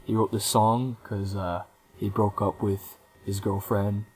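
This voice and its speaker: A man's voice: fairly low pitch, little pitch movement, unhurried. Rambling young man reviewing albums. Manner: rambling, hesitant with many ums. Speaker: music reviewer. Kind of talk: casual album review vlog.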